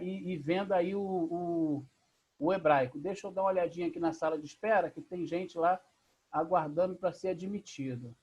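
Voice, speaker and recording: A Brazilian teacher with a husky, slightly breathy voice leads a live online lesson over a computer mic. The delivery is patient and methodical. Each point is spelled out, with frequent quick checks that the class is following. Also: mid-range voice, highs cut off. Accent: Brazilian Portuguese. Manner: patient, explains step by step, often checks in with "tá?". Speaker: Bible language teacher. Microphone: video call computer mic.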